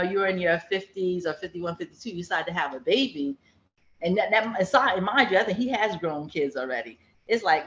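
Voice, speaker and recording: A woman in her fifties chatting casually, telling stories and acting out what people said. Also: on the low side. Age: 50s. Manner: chatty storytelling, acts out quotes. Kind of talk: casual chat. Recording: dull echoey room sound.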